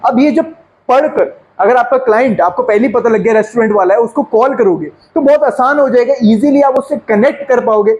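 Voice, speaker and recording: High-pitched, energetic male sales coach. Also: low-quality recording. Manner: energetic, fast and conversational, mixing English phrases. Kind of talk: sales training lecture.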